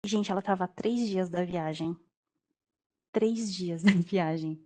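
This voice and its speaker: Animated woman teacher telling a story. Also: lowish voice, slow pace. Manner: lively, acts out dialogue with quoted voices. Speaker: language teacher. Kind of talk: telling a personal story in an interview.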